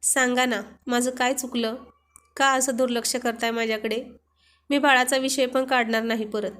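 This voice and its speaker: Emotional young wife, pleading and earnest, a woman reading her, high-ish voice, storybook. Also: level tone, moderate pace, fairly bright tone, a little hiss or hum, natural voice. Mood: tearful.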